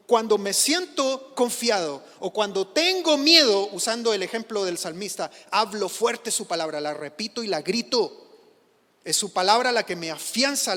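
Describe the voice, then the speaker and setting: High, bright-voiced preaching man. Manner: emphatic, repeats phrases and builds to loud exclamations. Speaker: pastor. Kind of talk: sermon. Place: church sanctuary. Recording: echoey church hall.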